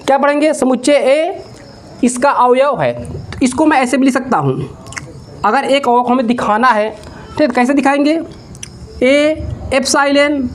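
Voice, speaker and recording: A man teaching maths in a classroom-style lecture, dictating slowly and step by step, asking questions and answering them himself, and repeating key terms. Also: extremely high pitch, a little hiss or hum.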